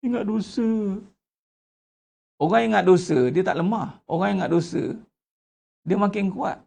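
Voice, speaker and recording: Man, high voice, gravelly texture, animated sermon, rhetorical questions. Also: normal speed. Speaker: religious teacher.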